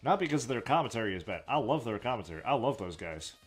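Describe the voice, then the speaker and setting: A man chats loosely through a game playthrough, trailing off and swearing now and then. His voice sits at an ordinary middle pitch, with soft game music playing underneath. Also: big pitch swings, quick pace. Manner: casual, self-deprecating, trailing off, swears. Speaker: let's play host. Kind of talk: rambling game commentary.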